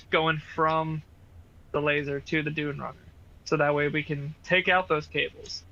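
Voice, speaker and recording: A man's voice: on the high side, sharp tone. A man bantering casually as a player in a tabletop game. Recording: dull lo-fi sound.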